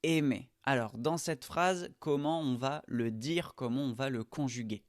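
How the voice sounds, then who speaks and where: A man teaching French verbs, modeling each sentence slowly and with careful articulation. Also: medium pitch, no echo, studio quality. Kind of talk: pronunciation lesson.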